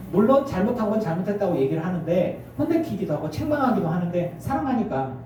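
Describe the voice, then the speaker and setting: A middle-aged male pastor preaching a sermon, animated and acting out family scenes in character voices. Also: high voice, a little hiss or hum. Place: church sanctuary. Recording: echoey church from far off.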